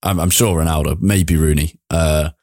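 Deep deep guy hosting a footy podcast, dry close sound, rambles on. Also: moderate pace, no echo. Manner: relaxed, rambling with restarts. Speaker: podcast host. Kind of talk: casual chat.

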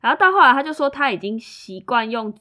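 Animated young woman telling a story. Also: high voice, fast. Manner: animated storytelling, acting out both sides of conversations. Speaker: podcast co-host. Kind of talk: casual chat.

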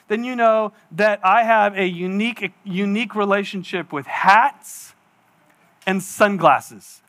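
A man's voice: high-pitched, fairly bright tone. A man in his forties preaching a sermon in a church, chatty and self-mocking, acting out little asides as he tells stories. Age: 40s. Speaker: pastor. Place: church hall.

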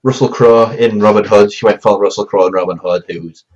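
A man with a fairly low, husky voice chimes into a film chat with wry, offhand comments. His delivery stays dry and casual. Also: fairly even intonation, a little fast, darkish tone, dull audio. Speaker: podcast co-host.

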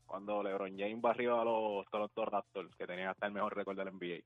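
Puerto rican caller, rapid and pushy, thin dry phone sound. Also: male voice, on the low side, flat delivery, dry recording, soft background music. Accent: Puerto Rican Spanish. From Cataño, Puerto Rico. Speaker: radio caller. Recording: tinny phone line.

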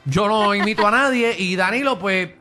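A man with a Puerto Rican accent hosting a radio show, joking and bantering with his co-hosts. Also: high voice. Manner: animated, joking, repeats phone numbers slowly. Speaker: radio host. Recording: faint music bed in studio.

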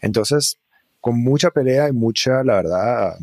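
A man from Venezuela, a guest in an interview, telling his story in a relaxed, reflective way with small fillers. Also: mid-range voice, measured pace, dry recording, clean studio sound. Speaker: guest, psychedelic facilitator. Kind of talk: conversational interview.

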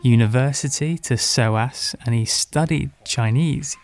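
A man's voice: medium pitch, a little slow, soft background music. Candid young man telling a story. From Hong Kong. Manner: candid, self-mocking, lively when recalling. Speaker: podcast guest storyteller. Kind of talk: casual personal storytelling.

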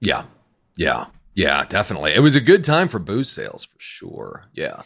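A man's voice: deep voice, wildly swooping pitch, moderate pace, creaky, fairly bright tone. A man interviewing a guest, mostly giving brief, encouraging replies and asking short questions. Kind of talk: casual interview.

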